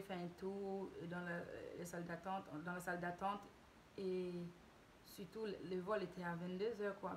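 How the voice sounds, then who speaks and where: A woman's voice: medium pitch, slight background noise. A woman from Haiti telling a casual story-time tale to her channel, hesitant, with many restarts and self-corrections.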